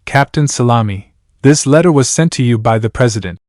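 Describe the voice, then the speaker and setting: Reading from his own novel, an Iranian man delivers flat audiobook narration in a mid-range, darkish voice that moves a little fast with lively intonation. The recording is dry, booth-like, and he names each speaker while voicing all characters plainly and identically.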